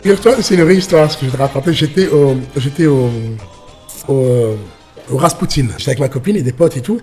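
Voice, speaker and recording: A man telling a personal anecdote in French in a casual, animated way, acting out the quotes and often restarting his sentences. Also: on the high side, fast, soft background music. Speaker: storyteller.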